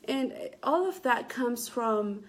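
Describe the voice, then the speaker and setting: A woman's voice: on the high side, animated, takes it slowly. A middle-aged woman from Ethiopia hosting a casual live stream, talking earnestly to viewers with many fillers and restarts. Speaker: Facebook Live motivational host.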